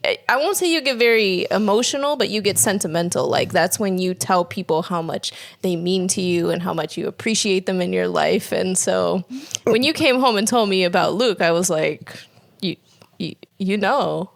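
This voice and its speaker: A woman's voice: on the low side, normal speed, vocal fry. Playful teasing woman. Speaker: podcast co-host. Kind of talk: casual chat.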